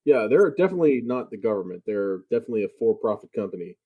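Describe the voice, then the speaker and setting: Male podcast co-host, animated intonation, dry wit, relaxed. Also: fairly low pitch, rapid-fire, slightly rough, phone-quality sound. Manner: wry, joking, lively. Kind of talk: casual film review chat.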